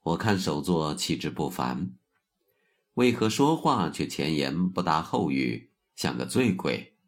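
A man voicing a calm, wise older male Zen master in a told story. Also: a bass voice, unhurried, exaggerated voice.

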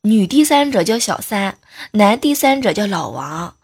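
A woman voicing a cheeky male friend who tells dirty jokes in a teasing, insinuating way, in a little lower than her own voice. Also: very animated, measured pace, husky, heavily acted.

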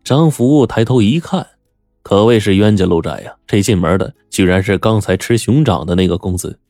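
Brief: deep-voiced male storyteller, lively and conversational, dry close recording. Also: moderate pace, no echo, faint music behind. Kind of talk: scripted narration.

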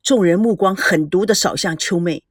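A woman narrating a novel in an expressive storytelling manner. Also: lowish voice, normal speed, husky, dry recording, clean studio sound.

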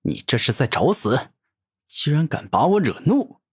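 A man's voice: fairly high pitch, very animated, normal speed, husky, exaggerated voice. A man voicing an arrogant, furious male monster warlord who growls angry threats in a fantasy audio story.

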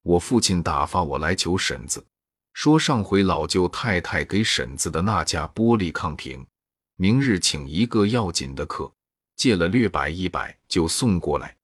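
A playful young nobleman, coaxing and ingratiating as he begs a favour, read by a man with a low, husky voice. Dry, close storybook sound. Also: animated, moderate pace, dry recording.

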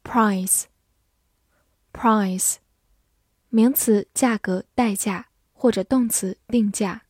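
A woman's voice: on the high side, unhurried, dark tone, breathy edge, no echo, clean studio sound. A woman teacher reviewing vocabulary, saying each English word twice and then listing its parts of speech and meanings.

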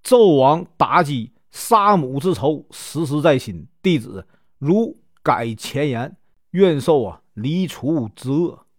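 A man's voice: fairly high pitch, expressive, slow pace, no room sound, studio quality. A man storyteller voicing a vengeful, resolute young prince in a retold legend, declaiming sternly.

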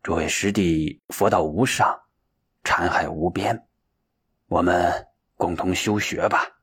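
A man's voice: low voice, takes it slowly, a bit bright, slightly rough, pitched below the performer's own voice, heavily acted. A man voicing a humble, dutiful senior male monk who speaks earnestly and respectfully.

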